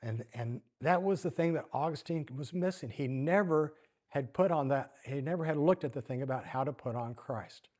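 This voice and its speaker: A man's voice: on the high side, normal speed, a little mellow. A man teaching in a church, telling a story conversationally, asking the room questions and reading passages aloud. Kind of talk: sermon.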